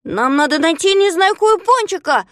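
A woman voicing a sensible male leader who calls out loudly. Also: sing-song, fast talker, dry recording, clean studio sound, full character voice. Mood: urgent calling. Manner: calling out loudly, high. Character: clever calm male leader of little folk.

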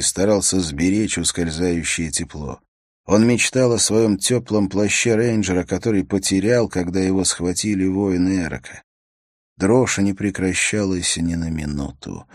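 A man reading an adventure novel aloud as an audiobook narrator, in a measured, steady storytelling manner. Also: low-pitched, no room sound, studio quality.

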